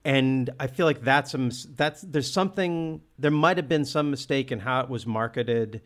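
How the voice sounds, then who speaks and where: A man's voice: medium pitch, moderate pace. A man hosting a casual film discussion, talking with enthusiasm and restarting often as he searches for words. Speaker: podcast host.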